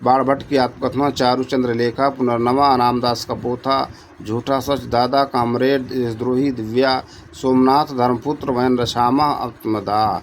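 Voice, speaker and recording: A man's voice: medium pitch, steady tone, measured pace, a little hiss or hum. A man tutoring for Hindi exams, reading out quiz questions and repeating each answer to his students.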